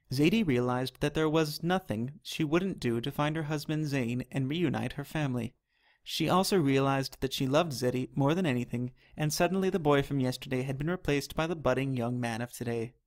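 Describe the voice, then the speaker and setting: A man narrating an animated chapter of a children's novel in a steady, even reading. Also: mid-range voice, a little fast. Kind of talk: storybook narration.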